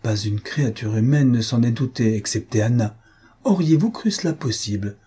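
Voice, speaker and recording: A man voicing a chatty, self-important older woman who gossips and exclaims excitedly in a storybook reading. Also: mid-range voice, normal speed, husky. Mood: gossipy.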